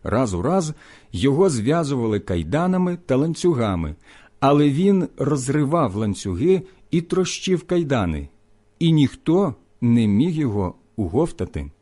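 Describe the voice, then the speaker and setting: A man reading scripture aloud in a measured, expressive way. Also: mid-range voice. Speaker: Bible reader.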